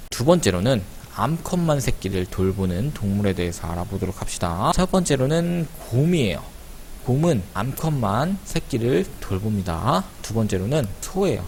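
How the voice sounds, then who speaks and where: A man's voice: mid-range voice, a little mellow. A man teaching a casual explanatory lesson for schoolchildren, conversational and addressing pupils directly. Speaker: teacher presenting an online lesson. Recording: clear hiss behind the voice.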